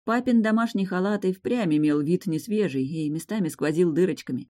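A woman's voice: fairly low pitch, a little fast, dark tone. A woman narrating a first-person fantasy novel with vivid, emotional storytelling. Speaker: audiobook narrator.

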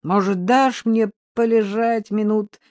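A woman's voice: medium pitch, steady tone, slow, a little mellow, no room sound, studio quality, natural voice. A woman reading the part of a weary young man who mumbles sheepish excuses, in an audiobook. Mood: groggy. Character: weary, fibbing young man, dog's owner.

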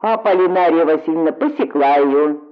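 A man voicing a rough, harsh-tongued, stout nanny woman in a storybook reading. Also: a little high, moderate pace, close to an everyday voice. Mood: indifferent. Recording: narrow phone-like audio.

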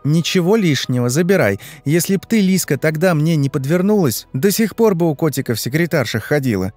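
A man's voice: a little high, animated, a little mellow, no echo, soft background music, voice pushed up. A man voicing a chatty, gushing, gossipy young woman who talks in a fawning chirp. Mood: chattering. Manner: chirping, fast-flowing, fawning.

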